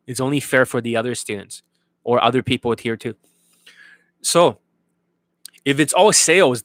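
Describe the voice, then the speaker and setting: A man with a mid-range, slightly bright voice delivers an unscripted livestream rant coaching viewers on dating. He's blunt and profane and keeps asking whether they understand. There's no echo.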